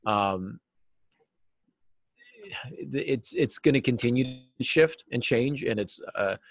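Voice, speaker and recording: A middle-aged American novelist and teacher, from the United States, talks casually and thoughtfully as an interview guest over a video call from a small, cluttered indoor office. His mid-range voice is animated, slow and creaky, on a dry recording.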